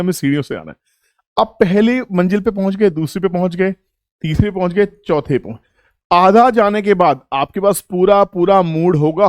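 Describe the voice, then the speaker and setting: A man's voice: fairly high pitch, a little mellow, no room sound, clean studio sound. A man teaching viewers. He asks them questions and answers them himself, coaxing them along. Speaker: trading educator. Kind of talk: explaining to viewers.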